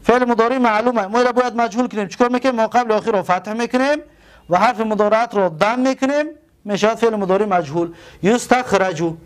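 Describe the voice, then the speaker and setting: High-voiced Tajik teacher drilling grammar. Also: male voice, clear, resonant tone. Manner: repeats key terms slowly, asks rhetorical questions. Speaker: religious school teacher. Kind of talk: grammar lesson.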